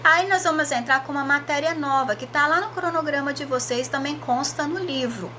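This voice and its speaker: A woman's voice: high-pitched, brisk, sharp tone, a little hiss or hum. A Brazilian woman teacher giving a recorded video lesson, spelling out letters and checking in with frequent tag questions.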